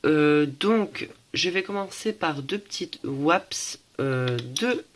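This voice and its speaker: A young man from France walks through his collection in a casual show-and-tell, his voice sitting a little high. He talks hesitantly, fills gaps with small sounds, corrects himself often, and sounds slightly stuffy with allergies. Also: expressive, slow pace, slight background noise. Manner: hesitant, many fillers and self-corrections. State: stuffy, coughing. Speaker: collector showing items.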